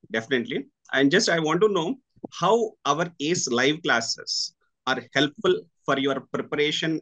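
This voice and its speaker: A man in his thirties with an Indian accent, interviewing over a video call with halting, deliberate phrasing. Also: mid-range voice, fairly bright tone, rough recording. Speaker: interviewer, senior faculty at a coaching academy. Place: small room indoors with curtains.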